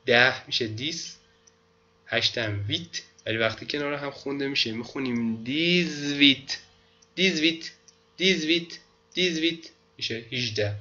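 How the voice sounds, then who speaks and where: Guy teaching french, repeats every word slow, sharp tone, kinda dull audio. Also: medium pitch. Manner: slow repetitive drilling of pronunciation. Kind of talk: online language lesson.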